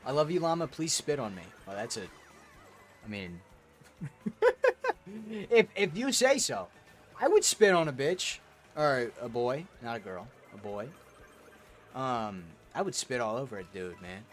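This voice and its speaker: A man's voice: medium pitch, wildly swooping pitch, unhurried, pauses often, soft background music. Profane young male gaming streamer. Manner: crude, profane, reads chat aloud and jokes. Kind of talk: casual gaming stream chat.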